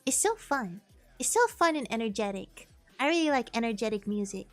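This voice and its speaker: Her voice sits a little high, with lively intonation and a fairly quick pace, as this young woman talks casually to her stream audience. Bubbly and cheerful, she slips in playful bits of singing while faint music runs behind her.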